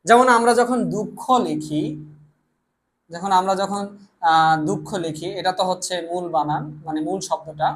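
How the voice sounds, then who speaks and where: A man's voice: high voice, normal speed, long pauses, slight background noise. Bangladeshi man teaching, repeating himself. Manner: explains step by step, repeats himself, asks and answers his own questions. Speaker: Bengali language teacher. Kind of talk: classroom lecture.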